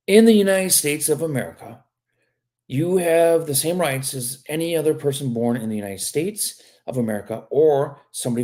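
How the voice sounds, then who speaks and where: Speaking with a slightly high, dark-toned voice, an immigration lawyer answers viewer questions on a live stream after reading each one aloud, keeping it casual and frank and often adding "okay?".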